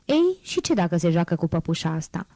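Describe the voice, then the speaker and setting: A woman narrator voicing a quiet, kindly male traveler who speaks in a calm, measured way, as an audiobook character. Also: lowish voice, no echo. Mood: puzzled.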